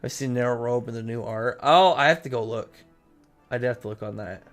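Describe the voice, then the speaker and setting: Over soft background music, a man with a mid-range voice talks briskly as he hosts a livestream. He chats with viewers and reads their comments in a rambling, repetitive way packed with asides.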